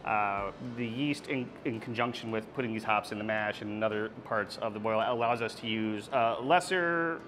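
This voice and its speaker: A man's voice: on the low side, moderate pace, few pauses. A man in his thirties, a brewer, talking casually and technically about brewing, with plenty of fillers. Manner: talkative, technical, many fillers. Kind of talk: casual on-camera explanation. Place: brewery floor and taproom. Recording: clear background noise.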